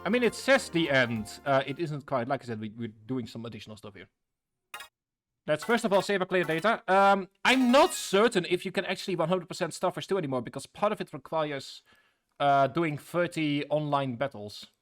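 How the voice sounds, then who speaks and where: A man's voice: a little high, animated, brisk, fairly bright tone, faint music behind. Chatty man streaming a game. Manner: chatty, rambling, self-interrupting. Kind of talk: casual gameplay commentary.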